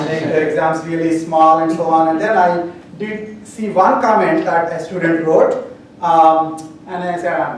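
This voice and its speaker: A man with an Indian accent and a somewhat high voice talks to his class with lots of ums and wry asides. The sound is very roomy, picked up from a camera at a distance in a lecture hall, with faint background noise. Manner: rambling, many fillers, dry humor. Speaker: university professor. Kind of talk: classroom announcements.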